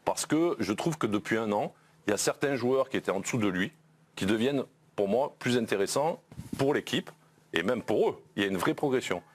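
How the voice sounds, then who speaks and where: A man's voice: medium pitch, lively intonation, fairly quick. A man, a regular football pundit in a TV studio debate, giving blunt critical opinions with many restarts.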